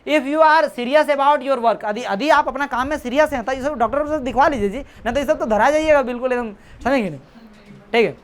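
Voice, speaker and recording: Casual teacher explaining a story. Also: male voice, extremely high pitch. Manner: casual Hindi-English mix, reads English lines slowly and haltingly; chatty, jokes and scolds the class. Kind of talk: classroom lesson explaining an English story.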